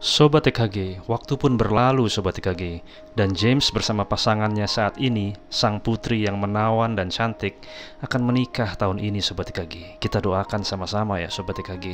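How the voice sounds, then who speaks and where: A man's voice: fairly low pitch, steady tone, brisk. A man tells a personal story in a chatty vlog style, often addressing his audience directly. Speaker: motivational vlogger. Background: background music.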